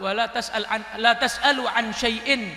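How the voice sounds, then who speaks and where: A man's voice: very high-pitched, steady tone, bright, forceful tone, pitched above the performer's own voice. A man doing a pious old woman chanting. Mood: solemn reciting. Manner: slow solemn chanted recitation. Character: pious old woman pilgrim answering only in verses. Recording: echoey hall reverb.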